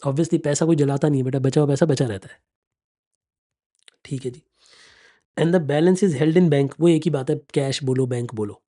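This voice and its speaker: Brief: male tutor in his thirties, mellow, unhurried, fond of his students, keeps asking if all is clear. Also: fairly high pitch. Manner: explains step by step, keeps checking that students follow; calls students affectionately "beta" and "bachchon". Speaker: finance exam teacher. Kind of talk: classroom lecture.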